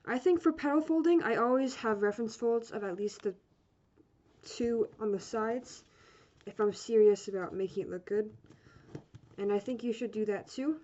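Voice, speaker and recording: High-voiced woman, chatty rambling craft tutorial. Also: moderate pace. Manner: chatty and rambling, apologetic, self-correcting. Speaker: origami course instructor. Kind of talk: casual step-by-step craft tutorial. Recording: dull lo-fi sound, steady noise.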